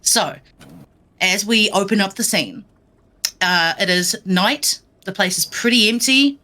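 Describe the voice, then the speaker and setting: A woman running a live tabletop game as game master, narrating the scene in an upbeat, lively way. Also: mid-range voice, a little slow.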